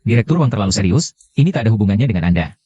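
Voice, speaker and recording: A man dubbing a composed, powerful young male executive who speaks calmly and condescendingly. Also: lowish voice, very fast, husky, highs cut off. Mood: cool. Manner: calm, cool, condescending. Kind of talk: dubbed drama.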